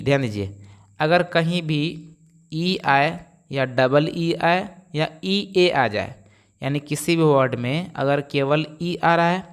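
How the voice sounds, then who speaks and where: A man's voice: on the high side, clear, resonant tone. A man teaching English pronunciation rules, explaining step by step and answering his own questions. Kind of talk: spoken phonics lesson.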